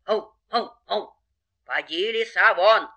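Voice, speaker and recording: A woman doing gruff, barking dogs. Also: mid-range voice, takes it slowly. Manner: barking and loud orders.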